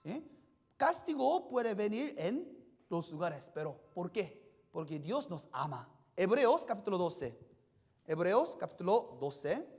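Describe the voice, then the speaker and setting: A pastor preaching a sermon in simple, halting sentences. The pastor keeps asking the congregation questions and checking in with "yes?". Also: mid-range voice, big pitch swings, darkish tone. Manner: simple, halting phrasing with restarts.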